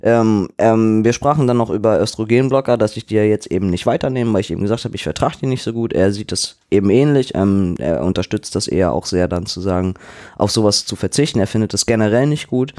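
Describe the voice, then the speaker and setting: A man with a lowish voice tells a story in casual podcast chat, slipping into the voices of the people in it. He uses plenty of fillers and laughs easily. The recording is close and dry, with no room around him. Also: quick pace, no echo. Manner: animated storyteller, acts out both sides of a dialogue; laughs often, many fillers. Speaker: podcast co-host.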